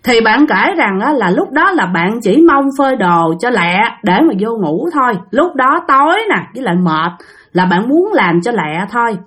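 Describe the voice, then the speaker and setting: A woman's voice: fairly high pitch, big pitch swings, moderate pace, fairly bright tone. A woman with a Southern Vietnamese accent narrating a story, chatting directly with her listeners.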